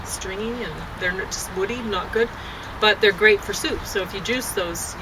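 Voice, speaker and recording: Over a traffic-like rumble on a noisy, far-off mic, a vlogger and amateur poet chats to camera in a loose, rambling way. She talks haltingly, working out her thoughts aloud and frequently breaking off to reword them.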